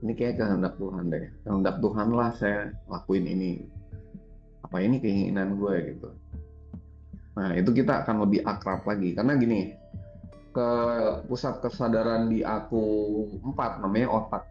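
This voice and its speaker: Brief: man, gravelly, relaxed teacher voice, slightly dull roomy recording. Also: fairly low pitch, normal speed, pauses often, faint music behind. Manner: relaxed, chatty, laughs often, peppers talk with "gitu". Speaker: spiritual teacher. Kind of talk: casual conversational teaching.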